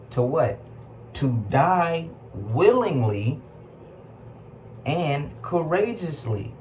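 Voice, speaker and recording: A man with a Southern US accent teaching scripture, reading verses slowly and explaining them in casual speech with rhetorical questions. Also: medium pitch, darkish tone, a little hiss or hum. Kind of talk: scripture class preaching.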